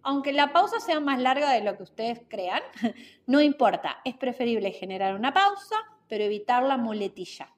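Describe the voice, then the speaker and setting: A woman runs an instructional podcast on communication skills, teaching in a clear, measured way and posing rhetorical questions. Her pitch sits fairly high and her delivery is expressive.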